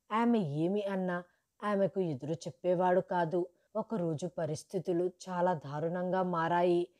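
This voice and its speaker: A woman storyteller reading a scripted first-person family story in a steady, even delivery. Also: fairly low pitch.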